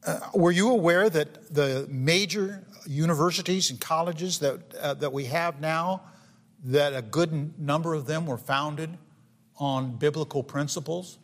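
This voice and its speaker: A man's voice: a little high, creaky. A man preaching a sermon to a congregation, earnest, with frequent fillers and restarts, often asking his listeners questions. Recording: long hall reverb.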